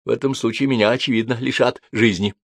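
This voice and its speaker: A man's voice: medium pitch, steady tone, quick pace, no echo, clean studio sound, lightly acted. A man voicing an anxious, horse-like male racer who keeps repeating his own words. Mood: earnest.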